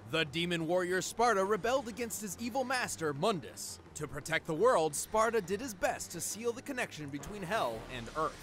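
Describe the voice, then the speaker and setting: Man as earnest, high-voiced nerdy scientist narrator. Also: expressive, normal speed, hardly any pauses, fairly bright tone, slight background noise. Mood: dramatic, explanatory. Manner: precise, explanatory. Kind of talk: scripted analytical narration. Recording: voice over background music.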